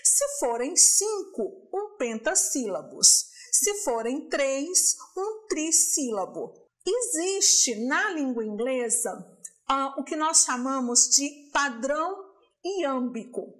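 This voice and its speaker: A woman's voice: high voice, expressive, fairly bright tone. A woman with a Brazilian Portuguese accent giving a distance-learning lesson on poetic meter, explaining step by step. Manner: slow, deliberate, explains step by step. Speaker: teacher.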